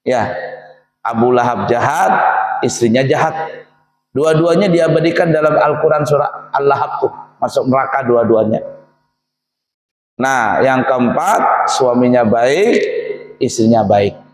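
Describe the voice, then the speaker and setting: A man's voice: mid-range voice, unhurried, long pauses. A man preaching a humorous sermon, telling a story and acting out the characters, laughing at his own jokes. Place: mosque or Islamic boarding school hall. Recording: echoey hall, long reverb.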